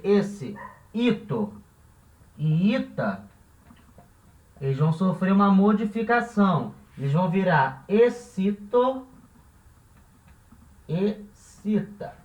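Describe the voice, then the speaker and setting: A high-voiced man gives a slow, patient language lesson, repeating his examples and stopping to check understanding. He stands some distance from the mic in an echoey room. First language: Portuguese. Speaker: language teacher. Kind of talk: classroom-style lesson explanation.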